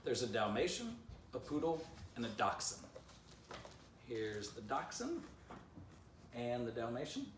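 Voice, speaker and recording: A man in his fifties reads his children's book at a measured pace, pausing often, his mid-range voice very animated as he makes playful, chatty asides to kids. The camera sits a few feet away in a living room by the fireplace, giving a roomy, slightly distant sound with a little hiss or hum.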